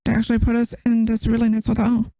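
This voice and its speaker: A woman's voice: a little high, monotone, fast talker, dry recording, close to an everyday voice. A woman playing a tired, affectionate girlfriend who misses her partner, in a tender, intimate ASMR role-play. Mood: soft, chatty. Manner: tender, intimate, soft-spoken.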